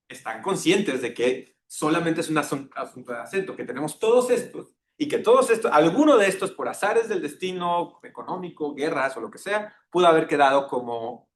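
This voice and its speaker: A man giving a classroom lecture, engaging the class and checking in with tag questions. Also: a bit bright. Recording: echoey classroom with faint rumble.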